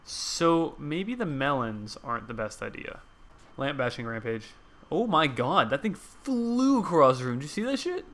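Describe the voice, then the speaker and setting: A man's voice: a little high, sing-song, moderate pace, fairly bright tone. A young man, a gaming channel host, giving casual gameplay commentary, joking, laughing often and swearing freely.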